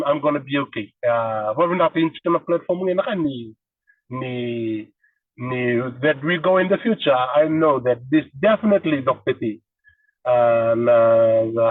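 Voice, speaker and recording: A man's voice: mid-range voice, moderate pace, dry recording, far from the mic, phone-quality sound. A man in his thirties with a Fijian accent, talking earnestly as a podcast guest in casual chat and switching languages. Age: 30s.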